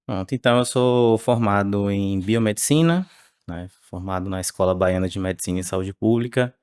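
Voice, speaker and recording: A man, speaking as the researcher guest on a podcast interview in a measured way with frequent tag questions. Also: on the low side, fairly even intonation, darkish tone, clean tone, dry recording, clean studio sound. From Salvador, Bahia, Brazil.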